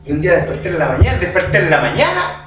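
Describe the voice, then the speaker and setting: A middle-aged man preaching a sermon, animated and often asking the congregation if they agree. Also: sits high, rapid-fire. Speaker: pastor. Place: church hall. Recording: echoey hall, distant mic, music behind.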